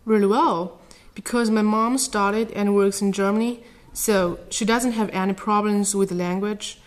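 This is a woman from China, a native Chinese speaker, answering interview questions. Her delivery is earnest and careful, with some halting restarts. Her pitch sits in the middle range. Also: fairly even intonation.

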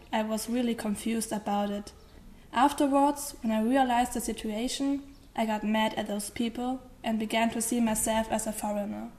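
A woman from Germany answers interview questions. Her voice is higher than average and has a mellow, dark tone. Her delivery is reflective and measured.

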